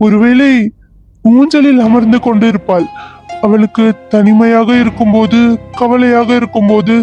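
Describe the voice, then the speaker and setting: A man voicing a frantic cartoon hero hunting for his lost bride, high voice, faint music behind. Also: darkish tone. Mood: worried. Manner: anxious, repeating questions. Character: young lovesick hero searching for his bride. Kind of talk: cartoon serial voice acting.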